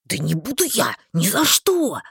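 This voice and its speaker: A woman voicing a hot-tempered young man in an audiobook, loud and indignant. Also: mid-range voice, huge pitch swings, measured pace, creaky, slightly rough, dry recording, clean studio sound, heavily acted. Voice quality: shouting, indignant.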